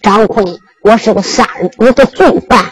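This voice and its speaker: A woman's voice: medium pitch, moderate pace, breathy edge, pitched below the performer's own voice, close to an everyday voice. A woman storyteller with a Henan accent voicing a humble young male warrior who pleads tearfully before a prince. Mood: pleading.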